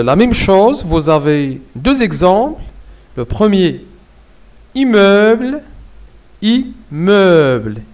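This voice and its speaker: Moroccan-accented male teacher, patient and deliberate, sounding out words, pitch rising and falling a lot. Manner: spells out letters and repeats words slowly, mixing in Moroccan Arabic. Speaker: French teacher. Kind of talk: slow classroom lesson.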